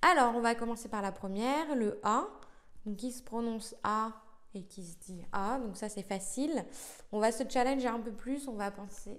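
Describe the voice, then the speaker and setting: A young woman vlogging casually about learning letters, thinking aloud with frequent hesitations and fillers. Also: a little high. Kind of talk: casual live learning vlog.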